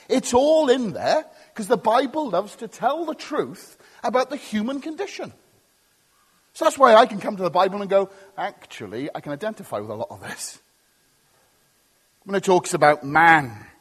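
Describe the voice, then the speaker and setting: A man's voice: high-pitched, big pitch swings, unhurried, fairly bright tone, breathy edge. A male pastor preaching a sermon with emphatic, repetitive short phrases and casual asides to his congregation. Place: church. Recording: long church reverb.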